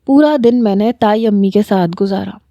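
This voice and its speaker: A woman narrating a romantic story in the first person with a steady, dramatic reading. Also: mid-range voice, no echo, clean studio sound.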